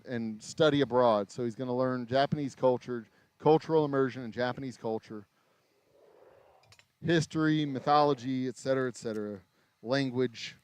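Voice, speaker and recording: In a dry recording from his small craft distillery shop, an American man in his forties livestreams casually as he works. He rambles, interrupts himself and swears mildly, his medium-pitched voice growing a little raspy after hours of talking.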